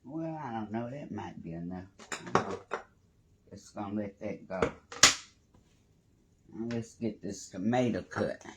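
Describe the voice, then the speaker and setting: A man's voice: on the low side, measured pace, pauses often, very noisy. A man hosting a casual live cooking stream from his home kitchen, chatting and greeting viewers by name as he cooks. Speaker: home cooking livestream host.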